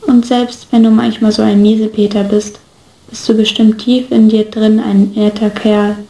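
A woman's voice: mid-range voice, level tone, normal speed, dark tone, natural voice. A woman voicing a cheerful, teasing young man who talks in an easy, coaxing way, in an echoey room. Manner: teasing and easygoing.

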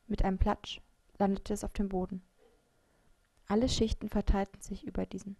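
Woman reading a story aloud, medium pitch, lively and expressive, dry close sound. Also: moderate pace, creaky, dry recording. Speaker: audiobook narrator. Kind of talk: first-person story reading.

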